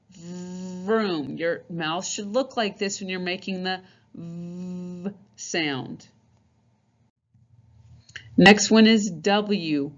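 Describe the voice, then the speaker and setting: A woman teaching a phonics lesson, patiently repeating each letter sound and explaining how the mouth forms it. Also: fairly low pitch. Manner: slow, patient, repeats sounds many times. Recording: dull lo-fi recording.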